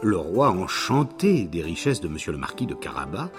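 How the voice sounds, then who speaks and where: Male storyteller, lively fairy-tale reading, music bed underneath. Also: deep voice, normal speed. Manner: expressive, dramatic storybook reading. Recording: narration over background music.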